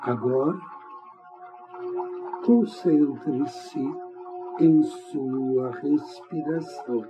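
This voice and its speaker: Very slow, soothing man guiding meditation. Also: a little high, noisy background. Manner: soothing, slow, with long pauses. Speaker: guided meditation narrator. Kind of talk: guided meditation. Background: relaxation music.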